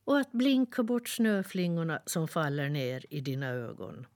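A woman reading a children's storybook aloud in a gentle, expressive way. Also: sits low. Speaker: narrator.

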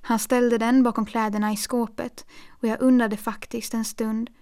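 A woman reads a first-person story aloud in a calm, measured voice. Her fairly high voice stays flat in melody and carries a gravelly fry. The delivery is steady, with dry little asides. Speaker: audiobook narrator.

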